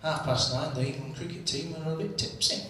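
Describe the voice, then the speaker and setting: In a fairly high, bright, pushed voice and a brisk pace, a man spins cheeky cricket-days anecdotes with punchlines at an after-dinner function. The distant mic captures an echoey room, faint ambience, and slight background noise.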